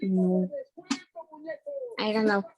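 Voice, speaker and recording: A man voicing a hesitant young female student who gives unsure, halting answers in class. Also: high voice, level tone, muffled recording, slight background noise, pitched above the performer's own voice.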